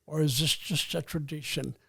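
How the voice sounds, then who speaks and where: Very old man, about ninety, husky and slightly high, halting, thoughtful interview talk. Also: steady tone. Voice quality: very old man's voice, gravelly and husky. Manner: halting, pausing to think. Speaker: podcast guest, retired pastor.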